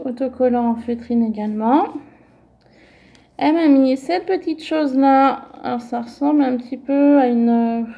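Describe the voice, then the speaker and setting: A woman vlogger chatting casually as she shows off crafting mail she received. She talks gently and often fills with little connecting words. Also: high-pitched, vocal fry, highs cut off.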